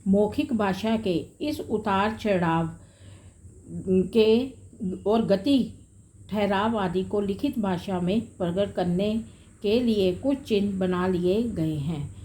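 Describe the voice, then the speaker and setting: A woman teacher walks her pupils through a grammar lesson at an unhurried pace, calling them children and dear. Her voice is warm and mellow, and she builds each point from simple worked examples. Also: mid-range voice. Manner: explains slowly with worked examples.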